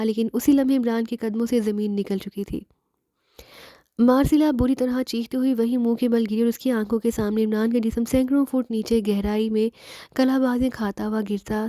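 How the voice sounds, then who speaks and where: A woman's voice: fairly high pitch, mellow, no room sound, clean studio sound. A woman narrating a dramatic thriller novel in words, reading every character herself. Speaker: audiobook narrator.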